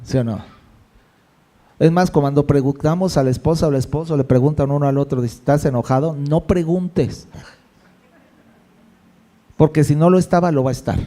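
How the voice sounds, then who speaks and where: A male pastor preaching a sermon in a lively, conversational way, with jokes and rhetorical questions. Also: on the high side, moderate pace, pauses often.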